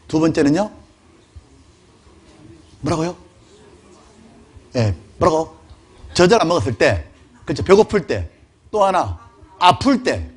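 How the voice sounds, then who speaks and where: A middle-aged male pastor delivers a lively, conversational sermon, often putting questions to his congregation. His voice is medium-pitched and slightly rough.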